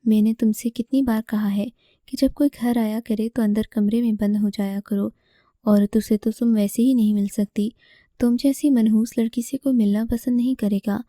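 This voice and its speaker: A harsh, scornful older mother-in-law, read by a woman storyteller. She scolds with contempt in a dark, mellow, fairly high but flat voice. The sound is dry and close. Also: no room sound, close to an everyday voice. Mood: scolding.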